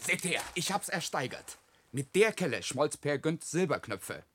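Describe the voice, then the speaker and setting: An actor playing a cheerful, bragging village fellow in a radio drama. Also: male voice, fairly high pitch, very animated, normal speed, a bit bright, slight background noise. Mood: amused, proud.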